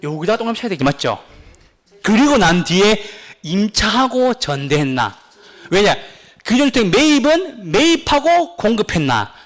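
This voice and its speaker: Animated high-pitched male lecturer. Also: moderate pace. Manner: lively, keeps asking the class questions; pleading, insistent. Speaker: real estate exam instructor. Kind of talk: exam prep lecture.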